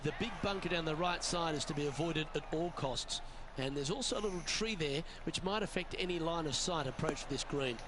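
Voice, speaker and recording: A man playing a composed television golf commentator in a sports game. His voice sits a little high and keeps a measured broadcast delivery as he describes play, with loud noise behind him. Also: close to an everyday voice. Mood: composed, informative. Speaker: golf commentator, lead announcer.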